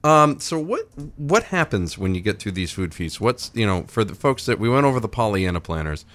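Male morning radio host, deep and gravelly, hoarse today, dry studio sound, wisecracking. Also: sing-song, brisk, no echo. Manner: jokey, wisecracking. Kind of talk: casual radio talk with promo reads. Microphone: studio microphone.

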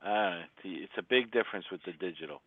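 A man with a Brooklyn accent makes casual radio conversation. His voice is on the low side and his way of talking is blunt. The sound is dry and narrow, like a phone line. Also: brisk, no room sound. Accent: Brooklyn New York. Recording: thin phone-like radio audio.

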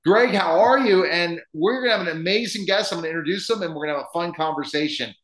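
A man's voice: high-pitched, fast talker, fairly bright tone. A man hosting a celebrity interview show, chatting casually and hyping his guests. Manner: upbeat, hype-style host patter. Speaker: talk show host. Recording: roomy echo.

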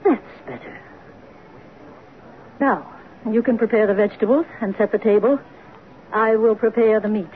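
A woman's voice: on the high side, steady tone, moderate pace, long pauses, close to an everyday voice. A woman playing a cold, imperious stepmother. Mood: domineering. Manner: crisp, imperious, clipped. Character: cold, domineering young stepmother. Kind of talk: 1940s radio acting. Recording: tinny old radio broadcast with hiss.

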